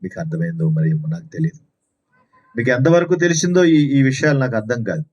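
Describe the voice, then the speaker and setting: A man's voice: medium pitch, big pitch swings, brisk, a little mellow. A man preaching a sermon at a Sunday house meeting, telling stories and asking rhetorical questions with lots of repetition. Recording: dull lo-fi recording.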